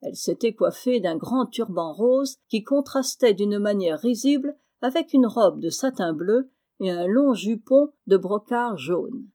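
A woman narrating a classic novel as an audiobook reader, calm and measured. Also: medium pitch. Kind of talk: scripted narration.

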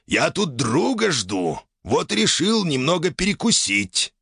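A man's voice: on the high side, sing-song, slow pace, vocal fry, bright, forceful tone, breathy edge, dry recording, studio quality, pitched above the performer's own voice, heavily acted. A man voicing a talking boulder with bushy brows, an old sailor with a familiar, folksy way of talking, in an audiobook.

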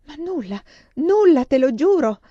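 A woman giving a young heroine, timid, pleading, mellow voice. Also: mid-range voice, expressive, normal speed, no room sound, lo-fi sound, natural voice. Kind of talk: audiobook reading of a novel.

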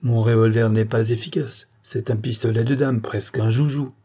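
A man reading a story aloud, voicing a calm, logical gentleman traveler who speaks in a precise, matter-of-fact way. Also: mid-range voice, normal speed, husky, lightly acted. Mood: explaining.

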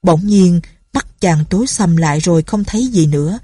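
A woman narrating a martial arts novel as an audiobook in a steady storytelling manner. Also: fairly low pitch, moderate pace, husky, dry recording, clean studio sound.

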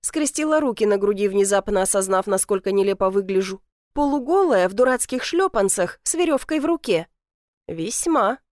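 A woman narrating a first-person audiobook in a lively, expressive storytelling manner. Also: mid-range voice, fairly quick, no room sound, clean studio sound.

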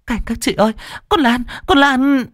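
A man's voice: extremely high pitch, drawn-out words, a bit bright, dry recording, studio quality, voice pushed up, heavily acted. A man voicing a terrified young woman lodger who stammers in panic. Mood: panicked.

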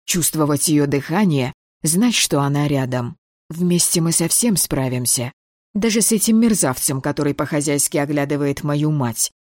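An audiobook reader gives steady, measured first-person fantasy narration at a middle pitch. The recording is dry and close, with no room sound. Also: dry recording.

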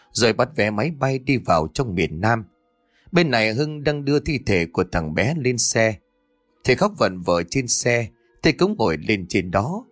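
A man's voice: lowish voice, dry recording. A man narrating a scripted horror story as a dramatic storyteller. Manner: dramatic storyteller, voices every character.

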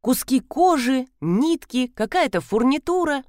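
A woman reads an audiobook story aloud with an expressive manner. Her voice sits a little high and moves widely in pitch, and the read is close and dry, with no room sound. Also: a little slow, dry recording. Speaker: audiobook narrator. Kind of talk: scripted narration.

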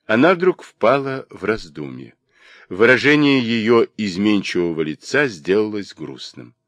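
A man narrating a novel in an expressive literary reading. His voice sits low but rises and falls in lively swings. It is recorded close and dry, with no room sound. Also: measured pace, no echo. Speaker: audiobook narrator.

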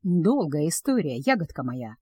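A woman voicing a cursed young man, a tender unseen suitor who talks softly and slowly in a low voice. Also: sing-song, slightly rough, no room sound, exaggerated voice. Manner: soft, low and slow-spoken.

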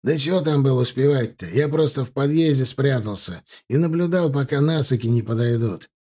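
A man voicing a raspy old tough guy. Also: medium pitch, a little fast, natural voice. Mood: offhand. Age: older. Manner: blunt and rough, calmly reassuring. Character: elderly man with a hoarse, raspy voice.

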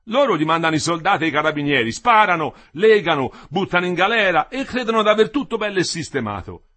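A man's voice: a little high, sharp tone, voice pushed up, exaggerated voice. A man reading the part of an old bricklayer who grumbles indignantly and fires off questions. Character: old grumbling Florentine bricklayer, moderate socialist.

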